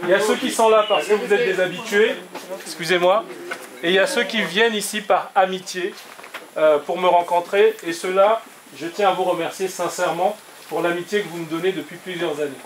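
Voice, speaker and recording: A man's voice: high voice, steady tone, a little fast, noisy background. A man speaking as guest politician at a public meeting, politely insisting on finishing his thanks. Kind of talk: closing speech at a public meeting.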